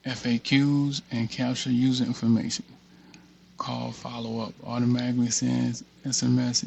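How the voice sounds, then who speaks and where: This tutorial host reads a document aloud during a relaxed screen-share walkthrough, tossing off quiet remarks to himself along the way. His voice sits at a medium pitch, slightly mellow and creaky, with a faint hiss or hum in the background.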